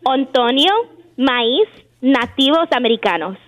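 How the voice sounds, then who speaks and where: Puerto rican lady on the phone to a radio show, slow and kinda high. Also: animated. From Puerto Rico. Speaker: radio caller.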